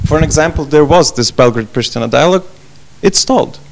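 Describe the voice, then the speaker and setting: A man's voice: a little high, expressive, fast, gravelly, slight background noise. A man from Serbia, a project assistant, asking a long earnest question from the audience in English, searching for words now and then.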